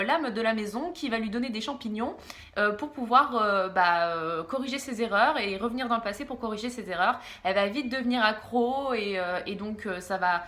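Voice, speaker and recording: A young woman reviewing graphic novels in a casual, halting way, giggling often and slurring a little because she is groggy from medication. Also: mid-range voice, a bit bright. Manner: giggly, halting, stumbles over words. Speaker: book vlogger.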